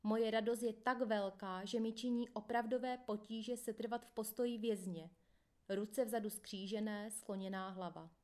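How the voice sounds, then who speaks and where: Brief: female audiobook reader, steady first-person memoir narration, mid pitch.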